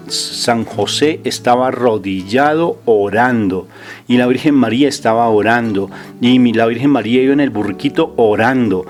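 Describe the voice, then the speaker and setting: A young man with a Colombian accent and a mid-range voice co-hosts a religious talk. He speaks in a relaxed, dry-humored way. Faint music plays under the conversation. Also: mid-range voice. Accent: Colombian Spanish.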